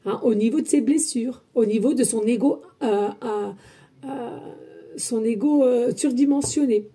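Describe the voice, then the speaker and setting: Loud, husky high-voiced woman medium. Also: normal speed. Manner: loud, emphatic, energetic talk; chatty, addresses viewers as friends. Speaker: medium giving a spiritual guidance reading. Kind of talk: casual spoken guidance to viewers.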